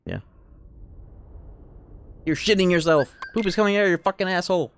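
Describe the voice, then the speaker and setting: This game livestreamer has a high voice and a moderate pace. He plays through a game while chatting loosely and rambling, thinking out loud and cursing without restraint, with game music running in the background.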